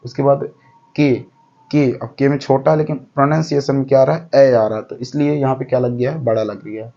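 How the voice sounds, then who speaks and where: A man's voice: mid-range voice, fairly even intonation, a little fast, mellow, dull audio. A man teaching a lesson step by step, counting aloud and often checking that the class follows. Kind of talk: explaining a lesson.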